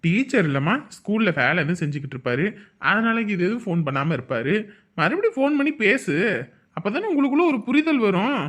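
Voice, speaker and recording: A quick-tongued middle-aged village husband with a lilt, as a woman acts him out in a cartoon. He rattles off teasing lines and sharp complaints at a brisk clip, in a mid-range voice. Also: mid-range voice, very animated. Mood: coaxing. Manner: teasing, then scolding in bursts.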